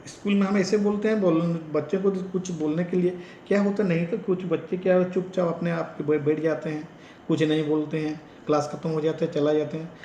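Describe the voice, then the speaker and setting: Man with odia-tinged hindi explaining lessons slowly, faint hiss, roomy echo. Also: on the high side, level tone, mellow. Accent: Odia-influenced Hindi. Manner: explains slowly, repeats example sentences with stress. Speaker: teacher educator. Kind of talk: lecture to trainee teachers.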